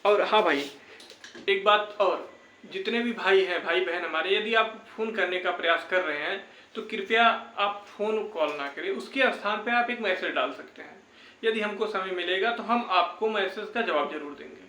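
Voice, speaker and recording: This young exam-update presenter on YouTube talks at a normal pace, his high voice sharp in tone. He keeps things informal and comforting for viewers, frequently repeating phrases, in an echoey, roomy space.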